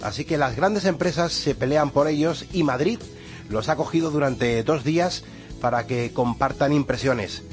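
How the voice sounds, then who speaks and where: Casting: male Castilian Spanish radio host, fairly high voice made duck-like by a stuffy cold, music underneath. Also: moderate pace. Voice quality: congested, hollow duck-like voice from a cold. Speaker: radio morning show host. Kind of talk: upbeat radio presenting.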